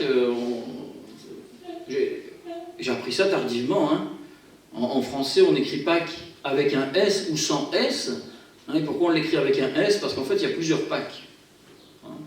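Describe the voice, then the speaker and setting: A chatty man talks to a church gathering, stumbling and repeating words as he goes. His voice is far from the mic and rings through a very echoey hall, with faint noise behind it. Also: medium pitch. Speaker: guest singer at a church. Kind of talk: casual spoken introduction to a song.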